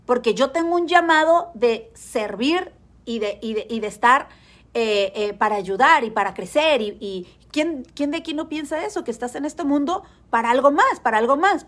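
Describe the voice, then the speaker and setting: A woman with a high-pitched voice delivers a motivational talk to an audience. She presses her points hard, says key phrases twice over and keeps firing direct questions at her listeners. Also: a bit bright. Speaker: motivational speaker.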